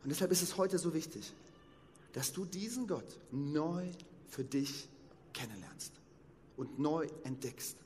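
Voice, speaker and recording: A man, a pastor, preaching a sermon with emphatic, slow stressed phrases, recorded in a church hall. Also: on the high side, animated, a little mellow, a little hiss or hum. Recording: long reverb of a church hall.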